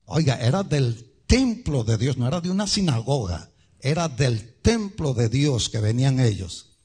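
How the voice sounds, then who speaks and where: A male pastor preaching a sermon, emphatic, swinging between loud and soft and speaking straight to the congregation. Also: mid-range voice, sing-song, a little slow, breathy edge. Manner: addresses the congregation directly.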